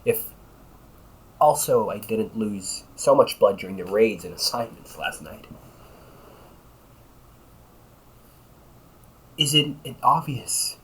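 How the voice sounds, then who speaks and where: A rough recording captures a man playing a centuries-old, young-sounding vampire brother, cocky and weary, in a one-sided audio roleplay. His voice is on the low side, animated, a bit bright and a little slow. He sounds tired and sarcastic, grumbling dryly and chuckling often.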